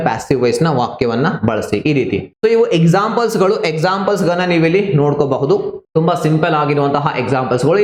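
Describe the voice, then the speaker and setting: A man's voice: a little high, roomy sound. A man teaching an online exam-prep class, explaining grammar step by step and switching between Kannada and English, with a Kannada accent.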